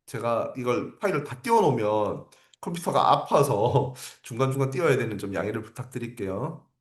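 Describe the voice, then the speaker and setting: A man's voice: mid-range voice, lively intonation, a little fast, reverberant. A man teaching parents in a livestream lecture, often asking rhetorical questions and repeating his key points for emphasis. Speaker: academy teacher.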